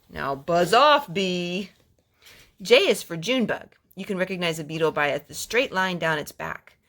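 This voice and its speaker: A lowish, fairly bright voice belongs to a mother leading a children's read-aloud with conversation and songs. She questions the young listener and repeats the answers, and slight background noise is audible.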